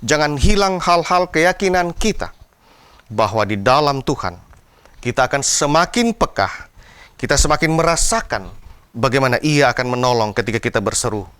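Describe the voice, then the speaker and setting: A man's voice: mid-range voice, animated, moderate pace, fairly bright tone, smooth, no room sound. A man preaching a devotional sermon in an earnest way, with an Indonesian accent, raising his voice when he cries out to God. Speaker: pastor.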